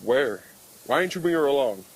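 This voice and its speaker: A man voicing a big, steady country stallion with folksy phrasing in an audio drama. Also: mid-range voice, moderate pace, breathy edge, poor audio. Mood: grave, concerned.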